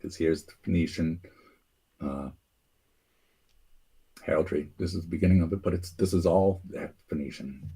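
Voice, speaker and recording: Husky, deep-voiced man rambling casually. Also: moderate pace, long pauses, mellow. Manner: rambling, hesitant, many fillers and restarts. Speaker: podcast host. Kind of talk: casual conspiracy talk.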